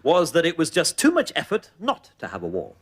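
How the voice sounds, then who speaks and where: An actor playing a weary, sardonic army captain with dry, sarcastic delivery, in a played-back TV comedy clip. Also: male voice, fairly high pitch, huge pitch swings, brisk, slightly rough, heavily acted. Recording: TV clip played back with heavy background noise.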